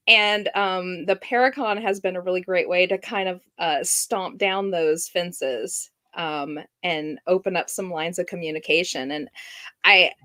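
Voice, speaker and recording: A woman's voice: lowish voice, measured pace, bright, forceful tone. Chatty woman podcast co-host. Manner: chatty, laughs often. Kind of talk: casual podcast chat. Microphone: streamed video call.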